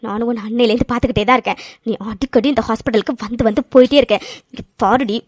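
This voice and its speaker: A woman voicing a jealous, hot-tempered young woman in a cartoon serial, scolding with rapid-fire questions. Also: a little high, steady tone, a little mellow, no echo, studio quality, close to an everyday voice. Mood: angry.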